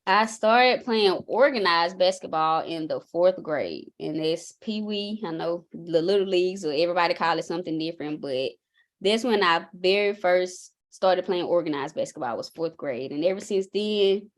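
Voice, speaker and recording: A woman's voice: fairly low pitch, normal speed. A young woman from Mississippi with a Southern accent, chatting casually about herself as an interview guest and basketball coach. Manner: relaxed, chatty, folksy.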